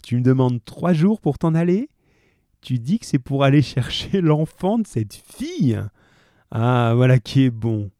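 A man voicing a ruthless male police inspector who mocks loudly and scornfully. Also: fairly low pitch, very animated, takes it slowly, hardly any pauses, no room sound, studio quality, exaggerated voice. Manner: mocking, loud and scornful.

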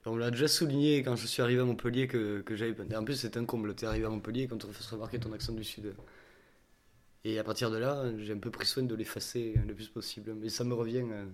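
A man in his twenties from southern France, answering interview questions in a relaxed, chatty way with frequent restarts. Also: on the low side, fast talker. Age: 20s. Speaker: young worker interviewee.

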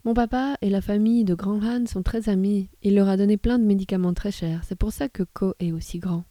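A woman's voice: mid-range voice, steady tone, brisk, warm tone, no echo, natural voice. A woman voicing an eleven-year-old boy, a pharmacist's son, in a storybook. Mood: earnest.

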